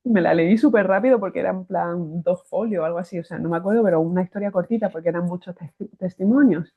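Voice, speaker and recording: A woman's voice: lowish voice, fast talker, breathy edge. Spanish woman telling a story over a tinny line. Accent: Spain Spanish. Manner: animated, restarts phrases, acts out quoted voices. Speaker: guest giving a faith testimony. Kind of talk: personal testimony storytelling. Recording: tinny phone-like sound.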